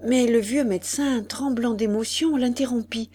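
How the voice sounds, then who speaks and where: A woman reads a classic novel aloud as audiobook narration, measured and expressive. Her delivery is very slow and deliberate, at a middle pitch. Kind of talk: scripted narration.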